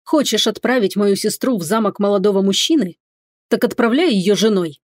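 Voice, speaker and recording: A woman reading an audiobook, voicing a male emperor who talks in a measured, dryly ironic way. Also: medium pitch, expressive, no echo, close to an everyday voice. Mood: firm. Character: calm authoritative male emperor.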